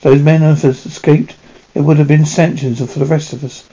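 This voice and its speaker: Man playing a creaky-voiced, surly captive lieutenant. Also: fairly high pitch, little pitch movement, moderate pace, dark tone, dull audio. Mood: cold, defensive. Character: surly, self-serving German lieutenant, prisoner of war.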